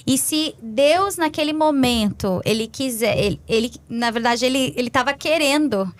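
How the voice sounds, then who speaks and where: A Brazilian woman pastor with a Brazilian Portuguese accent, chatting in a lively testimony style and acting out quoted dialogue. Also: fairly high pitch, moderate pace, no echo. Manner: animated storytelling, acts out quoted dialogue, frequent tag questions. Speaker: pastor and podcast host. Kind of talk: casual faith testimony chat.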